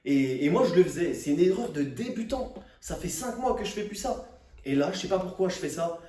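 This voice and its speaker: A man's voice: sits high, lively intonation, a little fast, dark tone. Exasperated young man ranting, roomy echo. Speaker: fitness vlogger. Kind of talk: casual slangy venting to camera. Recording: roomy echo, distant microphone.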